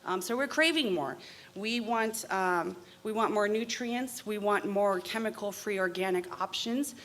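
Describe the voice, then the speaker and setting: Woman pitching a cafe idea on stage. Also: measured pace. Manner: steady, with frequent um fillers. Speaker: pitch presenter. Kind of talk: pitched business presentation. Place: event stage in front of a screen.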